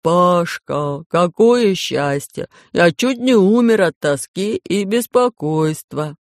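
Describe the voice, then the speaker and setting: A woman's voice: on the low side, animated, slow, no echo, studio quality. A woman voicing a lonely, polite little spaceship that speaks in a wordy, formal, apologetic way in a storybook reading.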